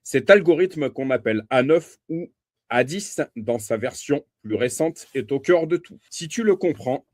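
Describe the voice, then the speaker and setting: A man's voice: medium pitch, a little mellow, no echo, studio quality. A man reading a self-publishing book summary aloud, speaking to the listener directly, stressing key terms and correcting small slips. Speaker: book reader and reviewer.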